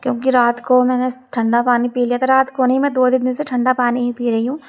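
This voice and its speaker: A young woman talks through her household chores in a casual home vlog, her voice hoarse and heavy from a sore throat. She rambles, grumbles and corrects herself as she goes, speaking in a fairly high voice. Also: monotone, fast. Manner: rambling, complaining, self-correcting. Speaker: home vlogger. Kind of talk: casual chatty vlog narration.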